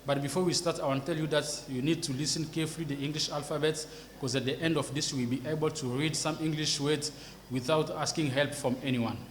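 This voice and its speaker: A man's voice: on the high side, steady tone, a little fast. A man teaching a language lesson, explaining each point carefully and repeating it in two languages. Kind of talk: bilingual classroom explanation. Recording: long reverb with faint hiss.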